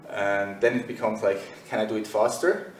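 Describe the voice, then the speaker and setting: A man's voice: fairly low pitch, fairly even intonation, normal speed, roomy sound, distant mic, slight background noise, poor audio. A man teaching jiu-jitsu in a loose, conversational way while demonstrating on the mat. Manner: loose and conversational, many fillers. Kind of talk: casual instructional demo.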